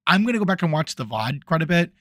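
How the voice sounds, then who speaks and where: A man's voice: on the high side, big pitch swings, fast, fairly bright tone, no echo. A man running a tabletop game as dungeon master, rambling with lots of ums, his voice fading as he moves off the mic. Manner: rambling, full of ums and restarts; moves around, voice swells and fades off the mic. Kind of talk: casual tabletop game narration. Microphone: new desk microphone.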